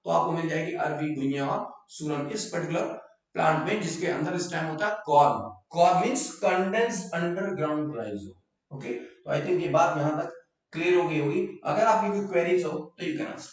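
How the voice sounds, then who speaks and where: बहुत गूंजते कमरे में ऊँची आवाज़ वाला शिक्षक. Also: male voice, on the high side, moderate pace, far from the mic. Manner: explains in mixed Hindi and English, repeats key terms, invites student questions. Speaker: biology teacher. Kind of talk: online live class lecture. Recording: very echoey room, voice off-mic.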